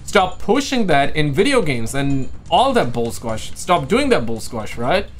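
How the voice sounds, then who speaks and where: Streaming from a home room on a headset, a man gives casual reaction commentary while faint music plays beneath him. English is his second language; he leans on slang and mockingly repeats his punchlines, his fairly high voice swinging widely in pitch at a slightly slow pace.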